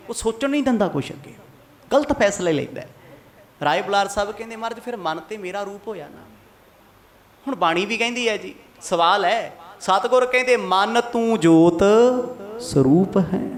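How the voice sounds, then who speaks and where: High-voiced Sikh preacher giving a katha sermon. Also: male voice, fairly bright tone. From Mohali, Punjab. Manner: asks the congregation rhetorical questions and acts out quoted speech.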